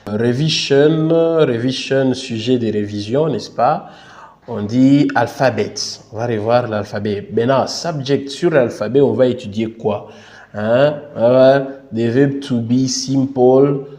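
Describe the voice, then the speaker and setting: A man with a Congolese French accent explains a lesson plan step by step, slowly and with a dark, mellow voice. He repeats himself often and checks in with "n'est-ce pas". He modestly admits he does not speak the language he is teaching about. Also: medium pitch. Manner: slow and repetitive, tags phrases with "n'est-ce pas"; self-deprecating, apologises for his English. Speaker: teacher and online tutor. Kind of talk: instructional screen tutorial.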